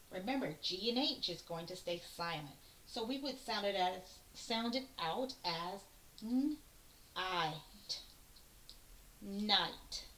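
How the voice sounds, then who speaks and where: Woman, teacher, phonics lesson for kids, very slow and patient, echoey room. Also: mid-range voice, a bit bright. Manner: slow, patient, sounding out words letter by letter. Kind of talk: phonics lesson for young children. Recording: echoey room with faint hiss.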